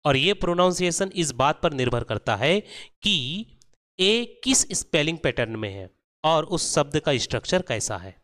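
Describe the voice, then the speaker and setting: A man narrating a scripted pronunciation lesson, explaining rules slowly and drawing out each example word. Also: fairly high pitch, fairly bright tone. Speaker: English pronunciation teacher.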